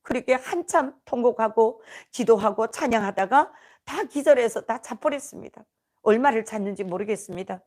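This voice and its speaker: A woman's voice: a little high, moderate pace, darkish tone. A woman with a North Korean accent giving an earnest, emotional personal faith testimony. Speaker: testimony speaker.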